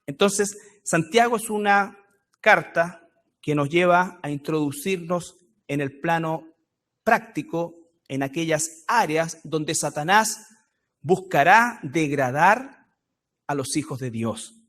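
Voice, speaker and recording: A Chilean man preaching a Bible study sermon in church, explaining words slowly and repeating key phrases for emphasis. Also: on the high side, a bit bright. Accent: Chilean Spanish.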